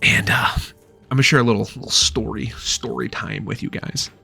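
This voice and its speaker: A man's voice: medium pitch, fairly even intonation, moderate pace, creaky, pushed and bright, breathy edge, soft background music. A man in his thirties giving a loose, rambling book review at home, swearing freely.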